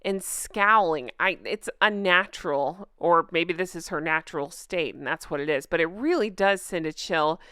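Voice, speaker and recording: A woman hosting an online recap show with animated, casual, sarcastic and gossipy chatty commentary. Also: lowish voice, normal speed, hardly any pauses, smooth, no echo, clean studio sound. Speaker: YouTube recap show host.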